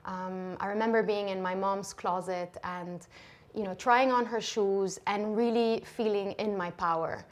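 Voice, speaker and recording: In a laid-back interview, a woman from Lebanon in her thirties, who designs shoes, talks gently at a slightly slow pace. Her pitch sits in the middle, and she often uses fillers and starts over.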